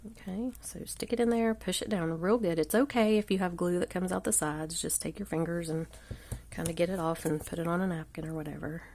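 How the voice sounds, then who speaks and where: This woman has a cold and a congested, gravelly voice with fairly low pitch, fairly even intonation and a darkish tone, speaking a little fast. She's giving a casual live craft tutorial at an indoor table, filmed from overhead on her hands. She's chatty and rambling, often murmuring.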